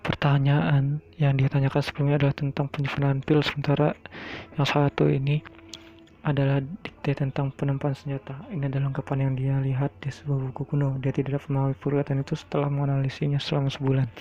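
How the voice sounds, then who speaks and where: A man reading a translated novel aloud in a monotone, with small slips along the way. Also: mid-range voice, quick pace. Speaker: audiobook narrator. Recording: dull lo-fi recording.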